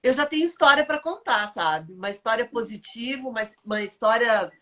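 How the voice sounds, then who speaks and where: A woman hosting a casual chat, talking quickly with frequent asides to her audience. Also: a little high, animated, sharp tone. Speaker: host.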